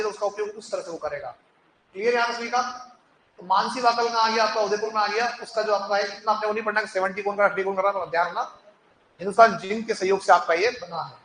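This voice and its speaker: A man's voice: high voice, bright, forceful tone. A male teacher giving an exam-prep lecture. He puts questions to the class, answers them himself and drills the key points again and again. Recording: echoey room with faint noise.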